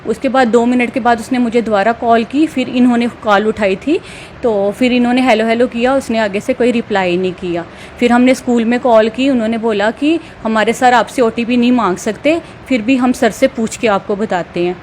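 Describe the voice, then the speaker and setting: A woman's voice: a little high, normal speed, darkish tone, slight background noise. A woman, a parent telling a reporter about a call she got, in a plain conversational way. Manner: plain conversational retelling, quotes dialogue. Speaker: interviewee, parent. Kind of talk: recounting an experience. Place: home, with light background noise.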